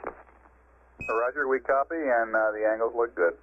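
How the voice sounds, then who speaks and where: A man's voice: mid-range voice, steady tone, brisk. An American man working as a capsule communicator, making procedural radio calls over a pilot headset. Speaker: mission control capsule communicator. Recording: tinny, noisy 1960s radio link.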